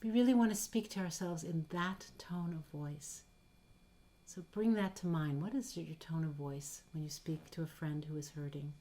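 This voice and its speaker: A woman leading a gentle guided meditation in a worship service, speaking softly and slowly. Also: deep voice. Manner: slow, gentle and soft-spoken. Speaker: worship leader.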